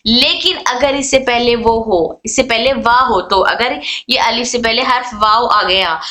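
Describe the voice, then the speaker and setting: A woman teaching a class on Arabic letter rules, repeating points, asking questions and answering them herself, and stretching out example words slowly. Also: a little high, sharp tone. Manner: drawn-out slow model readings of words. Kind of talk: online class lecture. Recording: echoey room.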